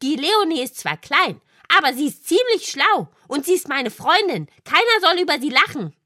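A woman's voice: high voice, big pitch swings, moderate pace, sharp tone, no room sound, studio quality, heavily acted. A woman voicing a hot-tempered young boy worm in a children's audio drama, talking earnestly. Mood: indignant.

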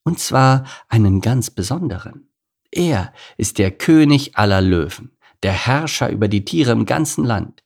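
A man's voice: mid-range voice, expressive, measured pace, creaky, pitched above the performer's own voice. A man voicing a bossy but caring lioness mother in an audiobook story. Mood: calm. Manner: scolding, commanding.

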